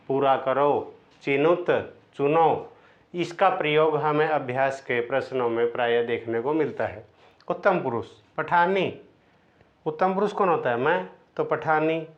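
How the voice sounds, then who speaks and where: A man teaching Sanskrit grammar, patiently chanting verb forms in slow drills and explaining each step. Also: medium pitch. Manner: patient, explains step by step and asks questions back. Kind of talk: slow classroom-style grammar lesson. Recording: dull lo-fi sound.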